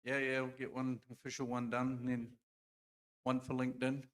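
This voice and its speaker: A man's voice: medium pitch, monotone, normal speed. A man hosting a conference, announcing panels in a loose, off-the-cuff way with frequent fillers. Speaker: event host. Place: conference hall stage.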